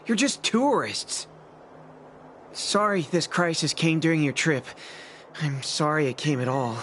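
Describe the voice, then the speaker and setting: A man's voice: a little high, measured pace, fairly bright tone, slight background noise. An actor playing an anxious young male apprentice craftsman, talking in an earnest, worried way in a video game scene. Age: young adult. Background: faint game music.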